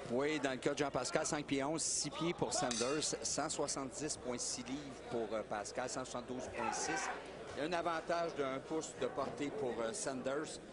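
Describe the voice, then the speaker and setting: A man's voice: mid-range voice, normal speed. A man with a Quebec French accent giving conversational live boxing analysis as a co-commentator. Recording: loud crowd behind commentary.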